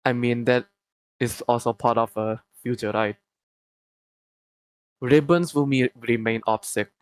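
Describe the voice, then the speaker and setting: A young man from Malaysia, answering interview questions casually with many pauses and restarts. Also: medium pitch, steady tone, smooth, no room sound, low-quality recording.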